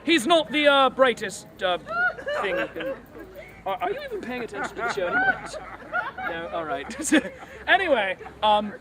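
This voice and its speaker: A man's voice: very high voice, wildly swooping pitch, moderate pace, very noisy. A man narrating a comic play to a crowd outdoors, playful and giggly, feeding lines for volunteers to repeat. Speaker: street performer narrating a play. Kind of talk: comic improvised storytelling to a crowd. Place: outdoor fair stage.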